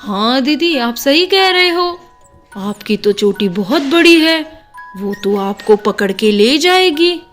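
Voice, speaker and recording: Brief: level-headed young sister-in-law voiced by a woman, teasing, bright and high, slow. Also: expressive, faint music behind, heavily acted. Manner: teasing, reassuring. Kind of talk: doll-play storytelling.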